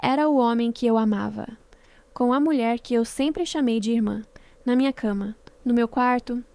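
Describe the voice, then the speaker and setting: A woman narrating a scripted first-person story with a dramatic, measured delivery in short phrases. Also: a little high, warm tone, no echo.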